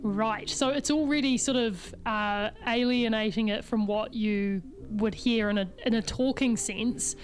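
Radio host: woman from New Zealand, friendly, light laugh, slightly higher voice. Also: steady tone. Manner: friendly, quick to laugh, prompting questions. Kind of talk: casual radio interview.

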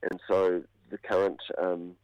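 A New man with a low voice, croaky from a cold, explains politics in a radio interview. He is measured and halting, picking through his points. The audio is dry and somewhat dull. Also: level tone, darkish tone, no echo. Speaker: political commentator, university academic. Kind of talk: spoken analysis in a radio interview.

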